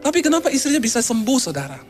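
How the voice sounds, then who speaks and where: A woman pastor delivers a lively sermon in a very high voice, speaking straight to her congregation. She mixes earnest exhortation with humorous asides. Faint music plays behind her. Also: very fast. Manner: animated preaching, addressing the congregation directly.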